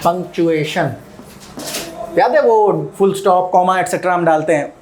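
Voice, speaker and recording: A man's voice: high-pitched, a little slow, darkish tone, slight background noise. An Indian man teaching a recorded video lesson, mixing Hindi with English and often checking in with "ठीक है?". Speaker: coaching teacher.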